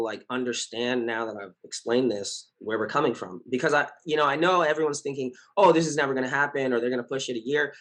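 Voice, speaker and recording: A man with a scratchy, hoarse voice talking casually to his community as founder, earnest and reassuring, rambling with many fillers and self-corrections. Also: mid-range voice, fairly bright tone. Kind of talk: casual spoken update to followers.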